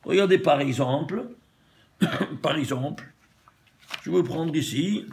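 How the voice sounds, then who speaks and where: Un rabbin qui donne un cours de Torah sur les valeurs numériques, animé, qui pose ses propres questions et se reprend souvent. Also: male voice, on the high side, slow pace, slight background noise. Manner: animated, asks and answers his own questions, stumbles and repeats words. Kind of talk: Torah lesson on gematria.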